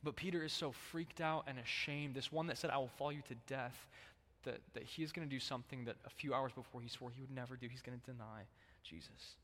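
A man preaching a sermon to a congregation. He talks in a relaxed, chatty way and jumps into animated voices when he quotes people. His voice rings out with a long hall reverb. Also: mid-range voice, fast talker, hardly any pauses. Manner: casual, conversational preaching with lively acted-out quotes. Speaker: pastor.

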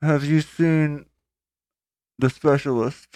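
Man, from Canada, podcast guest, deadpan, stiff formal delivery, echoey tunnel sound, fairly high voice. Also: takes it slowly. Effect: echoing, as if talking in a tunnel. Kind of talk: comedic podcast banter.

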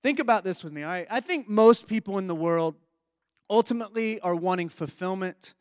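A man's voice: high-pitched, expressive, brisk, clear, resonant tone, dry recording, clean studio sound. A man preaching a reflective, conversational sermon.

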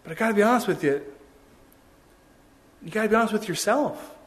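A young man preaching a sermon in a conversational, earnest way, with quick asides and restarts. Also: high-pitched, expressive. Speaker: pastor.

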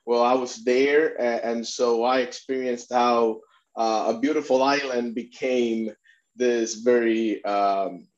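A man's voice: mid-range voice, steady tone, slow, lo-fi sound. A middle-aged man from Puerto Rico, an immigration attorney and advocate, telling his story in an earnest interview with many restarts. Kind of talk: conversational interview.

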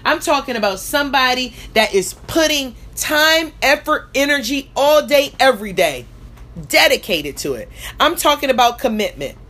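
A motivational coach and show host delivers an emphatic, exhorting speech built on repeated refrains. Her voice sits high and is very animated and a bit bright, at normal speed.

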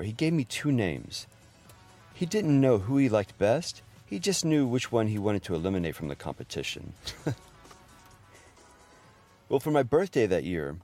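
A middle-aged man fondly narrating humorous family memories in a gentle storytelling manner. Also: fairly low pitch. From Houston, Texas area. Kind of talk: personal memoir narration.

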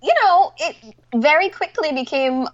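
This lettering artist from Barbados, a woman in her forties, has a high, animated voice at normal speed, with the highs cut off in the recording. She's a chatty interview guest who keeps dropping "you know" and laughing lightly.

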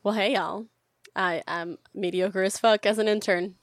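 A woman's voice: mid-range voice, fairly even intonation, a little slow, no room sound, clean studio sound. A woman co-hosting a podcast, chatting casually with blunt, teasing remarks. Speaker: podcast co-host and intern. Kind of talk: casual joking chat.

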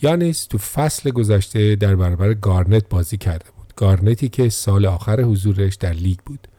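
A man tells a sports story in a steady, scripted narration. His voice sits on the low side and sounds very dark and mellow. The recording is dry and close. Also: dry recording.

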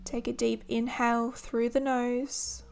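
A woman leading a guided body-scan meditation in a gentle, soothing manner, giving instructions in short, unhurried phrases. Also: on the high side, little pitch movement, creaky, slight background noise.

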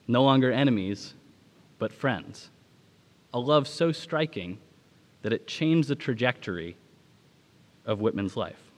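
A man delivering a sermon as a pastor, speaking in a measured, preaching manner with dramatic pauses. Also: medium pitch, big-room sound.

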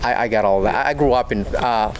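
A middle-aged man from the Philippines talking casually in a street interview outdoors, halting with many fillers. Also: medium pitch, noisy background. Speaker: interviewee passerby.

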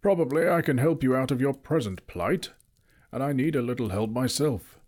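Man doing a wise old wizard, high and emphatic. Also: normal speed, a little mellow, close to an everyday voice. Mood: practical. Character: old male wizard, calm, wise and commanding.

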